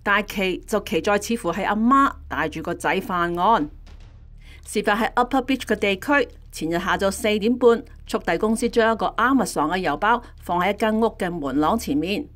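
A woman's voice: mid-range voice, moderate pace, fairly bright tone. A woman telling scripted news in a wry, chatty, colloquial way. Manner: wry, chatty, asks rhetorical questions. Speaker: news reporter.

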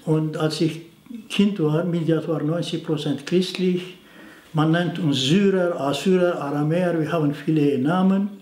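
In an echoey indoor study before bookshelves, an older man gives explanatory talk to camera as an interviewee. His pitch is fairly high and his tone steady and a little mellow. A native Aramaic speaker from the Turkish side of the Syrian border, he speaks haltingly, leaning on fillers and using non-native grammar.

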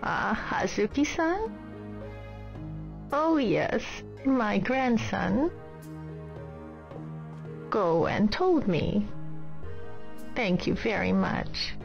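A gentle old grandmother shopkeeper from a video game, courteous and unhurried in her delivery. Her voice crackles with fry, and the slightly dull game audio has music playing behind it. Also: medium pitch, big pitch swings, heavily acted. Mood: polite, grateful. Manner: polite, measured, deliberate. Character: gentle, courteous elderly grandmother running a china shop. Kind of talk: scripted video game dialogue. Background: clear background music.

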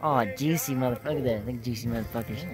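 A man's voice: medium pitch, very fast, music in the background. A man vlogging outdoors by a fire at night on a handheld camera, joking, teasing and swearing with friends in casual chat. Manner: laughing, teasing, swearing, animated.

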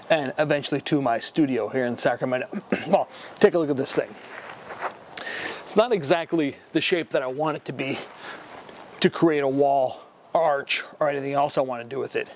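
A man presenting an art history lesson on camera, talking in a relaxed, conversational way with pauses. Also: on the high side, slight background noise. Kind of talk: casual on-camera explainer. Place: at his studio and on sites, partly outdoors.

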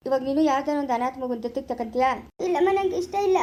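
A woman with a rural Chikkaballapura Kannada accent playing a domineering older mother-in-law who lectures in a low, firm tone. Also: quick pace, darkish tone, lightly acted. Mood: scheming.

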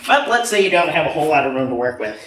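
This young adult coach rattles off jiu-jitsu instructions very fast in a high-ish, sing-song, fairly bright voice while moving on the floor to demonstrate. A distant mic in the echoey matted gym room also catches background noise.

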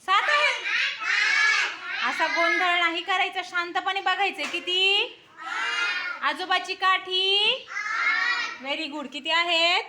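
A woman teaching a class of young children, coaxing and praising them and urging them to answer loudly. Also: extremely high pitch, a little slow. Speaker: primary school teacher. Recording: noisy classroom recording.

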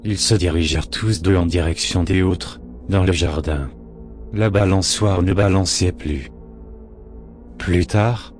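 A man reading a horror story aloud in a measured, grave narration. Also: low voice, darkish tone.

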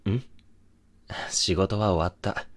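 A man's voice: deep voice, slow. A man voicing a young boyfriend in an ASMR situation drama, remorseful, brusque yet tender and protective, talking bluntly and intimately as in pillow talk. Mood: gentle.

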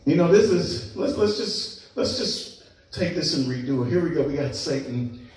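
A man preaching a sermon as pastor, playful and lively, acting out little scenes with laughs. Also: fairly high pitch, normal speed, background noise. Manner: playful, acts out animals and voices with laughs. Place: church. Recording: echoey church hall, mic far off.

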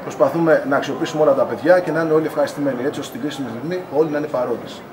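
A middle-aged man, a national team coach, giving measured post-game remarks to reporters at an arena press wall. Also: a little high. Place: arena press area in front of a sponsor wall. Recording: noisy arena press area.

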